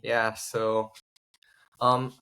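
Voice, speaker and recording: On a low-quality recording, a South Korean startup founder with a Korean accent tells his story casually as a podcast interview guest, often searching for words. His voice is on the low side, bright, forceful, and smooth, with little pitch movement and a very slow pace.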